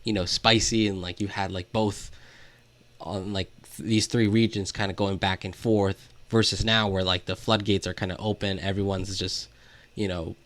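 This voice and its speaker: In a relaxed music conversation on a podcast he co-hosts, this man wanders through his thoughts hesitantly, saying "like" constantly. He has a low, slightly bright voice, a flat delivery and a moderate pace.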